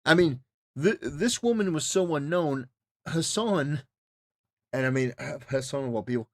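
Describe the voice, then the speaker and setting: Reacting to a clip, this livestreamer delivers casual, opinionated takes in an emphatic, repetitive, stop-start way. He's a man with a slightly high, expressive voice who talks a little slowly.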